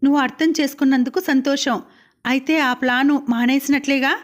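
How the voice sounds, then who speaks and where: A woman's voice: high-pitched, fairly even intonation, brisk, natural voice. A woman voicing a worried young woman warning her lover against his plan, in an audiobook. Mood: anxious. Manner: anxious and cautioning. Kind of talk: audiobook character reading.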